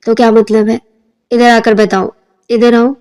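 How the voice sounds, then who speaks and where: A woman's voice: fairly high pitch, level tone, darkish tone, clean tone, lightly acted. A woman voicing a cruel, domineering young husband in a storybook reading, with curt, commanding lines. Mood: cold, commanding.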